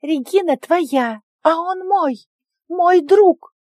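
A woman's voice: fairly high pitch, sing-song, very slow, darkish tone, breathy edge, dry recording, studio quality, full character voice. A woman voicing a small, jealous, possessive furry creature that repeats words like a child in broken speech. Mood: shrill jealous.

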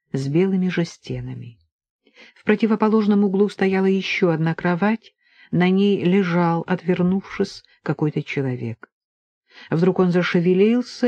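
A woman narrating an audiobook in a calm, measured way. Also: fairly low pitch, dry recording, highs cut off. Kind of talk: scripted narration.

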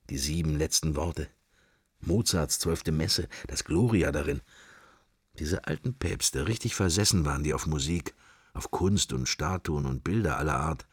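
A bass-voiced actor with a breathy edge performs a radio drama interior monologue at a moderate pace, in an exaggerated voice. His character, a worldly, sceptical, wry middle-aged man silently observing church, murmurs reminiscing thoughts in fragmentary, associative bits. The recording is dry with clean studio sound.

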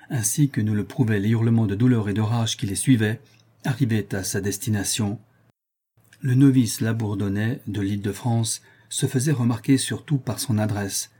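Man reading an old sea adventure book, low voice, kinda husky. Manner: measured, steady. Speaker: narrator. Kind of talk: audiobook reading.

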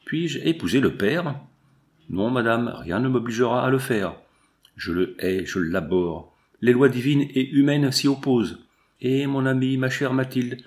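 A man's voice: medium pitch, darkish tone, close to an everyday voice. A man reading the lines of a passionate, defiant young noblewoman in an audiobook.

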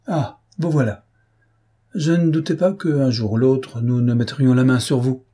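A man's voice: medium pitch, a little slow, warm tone, husky. A man reading the part of a smug, pompous examining magistrate in an audiobook, condescending and sure of himself.

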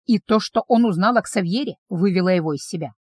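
A woman reads a first-person novel aloud, her voice at a middle pitch, intimate and tense as she tells the story. The sound is close and completely dry, with no room around her. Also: quick pace, darkish tone, slightly rough, dry recording. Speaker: audiobook narrator.

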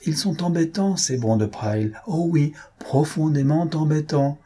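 A man playing a sharp-witted young gentleman in an audiobook, speaking in a dry, mocking way. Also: fairly high pitch, measured pace, slightly rough, pitched above the performer's own voice. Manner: sardonic, dry.

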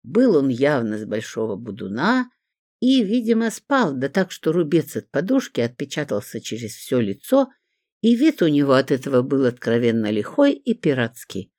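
A woman narrating a first-person audiobook in a wry, lively telling. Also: very deep voice, moderate pace, dry recording, clean studio sound.

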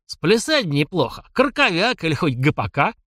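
A man's voice: a little high, sing-song, normal speed, sharp tone, no echo, studio quality, pitched above the performer's own voice, exaggerated voice. A man voicing a boorish drunken rich man, swaggering and mocking, in an audiobook. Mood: bossy. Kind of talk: audiobook character voice.

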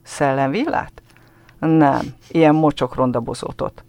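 A man reading a story, voicing a kind, curious young woman in his own voice, speaking gently and a little coaxingly. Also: mid-range voice, steady tone, creaky, dry recording, muffled recording, close to an everyday voice. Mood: gentle.

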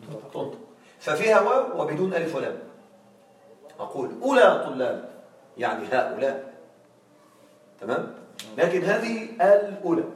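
A male teacher with a slightly high voice leads a classroom grammar lesson and keeps stopping to quiz his students. He sounds set back from the microphone, and his voice carries through a roomy, echoing space. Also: a little hiss or hum. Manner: quizzing students with frequent check questions. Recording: echoey room, far from mic.

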